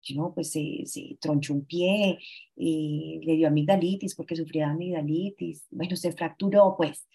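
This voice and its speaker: A woman in her forties, a guest telling a painful personal story in an earnest, halting way, often restarting her sentences. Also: low-pitched, fairly even intonation, dark tone, husky. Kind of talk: emotional personal account.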